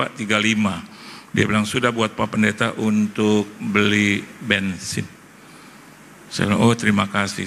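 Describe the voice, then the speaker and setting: A middle-aged man preaches a testimony in a bright, forceful voice. He tells it as animated storytelling and acts out the conversations. There is a faint hum of noise behind him. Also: on the low side, gravelly. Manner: animated storytelling, acting out dialogue. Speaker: pastor. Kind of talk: sermon testimony.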